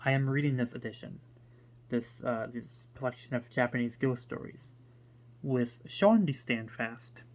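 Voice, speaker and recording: A man chatting to the camera about books at an unhurried, drawn-out pace. He rambles and stops to hunt for words, with a voice of middling pitch for a man. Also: steady tone. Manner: hesitant and rambling, full of pauses. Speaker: book reviewer. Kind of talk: casual to-camera book talk.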